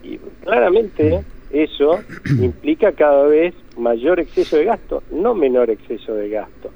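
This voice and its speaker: Over a tinny phone line, an Argentine economist answers interview questions, explaining with emphasis and often rephrasing. His voice is a little high with lively intonation, a measured pace, and vocal fry.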